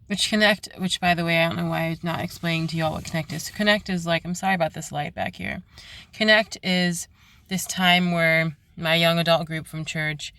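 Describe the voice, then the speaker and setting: Young woman, earnest confessional vlog, halting restarts, dry close sound in a parked car. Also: fairly low pitch, fairly bright tone, no echo. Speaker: vlogger. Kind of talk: late-night confessional vlog.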